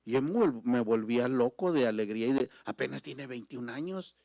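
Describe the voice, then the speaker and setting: Man, middle-aged, pastor, emotional sermon, loud-to-whisper swings, medium pitch, dry sound. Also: animated, a little fast, vocal fry, no echo. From Mexico.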